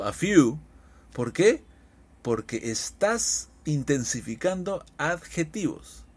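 A male English teacher, his husky voice sitting a little high for a man. He swings his pitch up and down a lot as he explains, and he stretches out each English example slowly. It has the feel of a friendly podcast lesson. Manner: lively, animated explaining with drawn-out example phrases.

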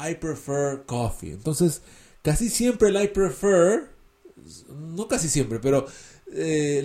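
A man's voice: medium pitch, warm tone. A man giving an English lesson in Spanish, explaining patiently and repeating key words and examples. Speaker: English teacher.

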